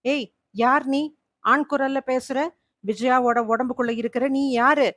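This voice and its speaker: A woman's voice: high-pitched, steady tone, a little slow, fairly bright tone, no echo. A woman voicing a worried middle-aged husband who pleads anxiously, in a storybook reading.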